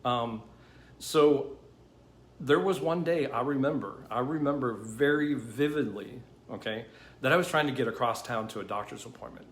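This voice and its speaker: A man's voice: medium pitch, normal speed. A man hosting a storytime monologue, talking conversationally and repeating himself with lots of "you know" and "okay?". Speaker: host. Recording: roomy with faint background noise.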